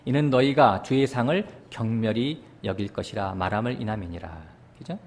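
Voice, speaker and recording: A man preaching a sermon with strong swings in pitch and loudness. He often drops to a low, soft aside and checks with his listeners. He bursts upward when he voices quoted scripture. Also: fairly quick. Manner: animated preaching, voicing God's words with sudden rises in pitch and loudness; often checks with the congregation using short asides. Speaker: pastor.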